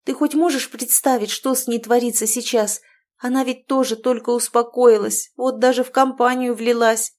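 A woman's voice: on the high side, steady tone, moderate pace, darkish tone, pitched above the performer's own voice, lightly acted. A woman voicing a young woman who pleads tearfully with her friends in an audiobook. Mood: pleading.

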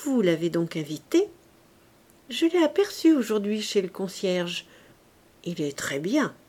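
A woman's voice: mid-range voice, very animated, warm tone. A woman reading an audiobook voices a genteel lady who murmurs confidingly. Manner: murmured, slow.

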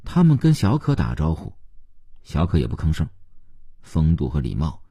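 A man narrating a novel as an audiobook, in an expressive storytelling way. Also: rumbling low, normal speed, husky.

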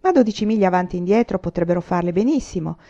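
A woman voicing a kindly, teasing pioneer father with a beard, calm and dry in his talk, in a dull lo-fi recording. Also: lowish voice, rapid-fire.

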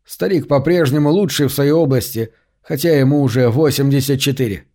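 A man's voice: mid-range voice, fairly quick, natural voice. A man reading the lines of a grown son with an everyday male voice. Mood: calm. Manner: desperate, pleading shouts. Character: grown son, frantic then commanding.

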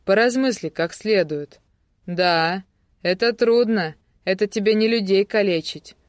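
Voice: mid-range voice, moderate pace, dark tone, no echo, studio quality, close to an everyday voice. A narrator voicing a brutish, mocking young male kidnapper who sulks when scolded, in an audiobook.

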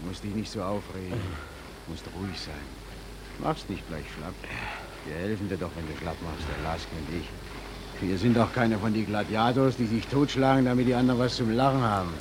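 A man acting in a German radio play as a steady, plain-spoken shipmate, calming and colloquial. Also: medium pitch, quick pace, few pauses, background noise, lightly acted. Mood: soothing. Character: steady, soothing, plain-spoken ship's stoker comrade.

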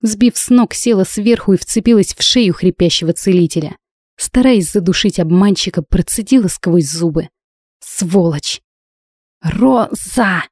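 A woman's voice: medium pitch, normal speed, darkish tone, no echo. A woman narrating a first-person fantasy audiobook with intense, emotional delivery, recorded close to the mic.

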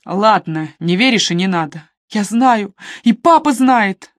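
A woman's voice: mid-range voice, lively intonation, measured pace, dry recording, clean studio sound, natural voice. A woman reading an audiobook, voicing an agitated young man who throws out sarcastic, defensive retorts. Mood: defensive sneering.

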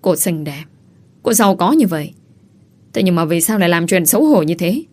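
A woman voicing a scheming young pregnant village woman who wails and pleads loudly. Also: on the low side, animated, brisk. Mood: accusing. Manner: loud, wailing, pleading.

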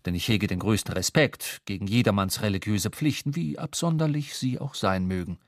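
An actor playing a young sailor who narrates his own story in measured, scripted radio drama narration. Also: lowish voice, no room sound, studio quality, lightly acted.

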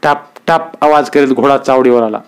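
Clear-voiced man reading a story. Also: mid-range voice, fairly even intonation, moderate pace. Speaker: narrator.

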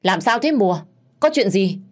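A woman's voice: medium pitch, very animated, normal speed, darkish tone, pitched above the performer's own voice. A woman voicing a caring older sister figure who asks anxious questions. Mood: worried.

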